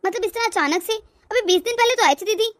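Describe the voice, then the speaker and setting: Meek young cartoon bride, woman voicing, high voice, dry sound. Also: brisk, dry recording. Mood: hurt. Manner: polite, complaining softly. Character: put-upon patient young daughter-in-law. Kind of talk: cartoon voice acting.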